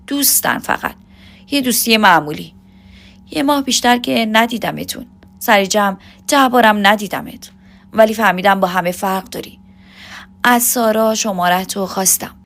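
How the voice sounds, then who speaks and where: A woman's voice: mid-range voice, gravelly, a bit bright. A woman voicing a young man in love who is jealous and protective, speaking in pleading, teasing questions in an audio story.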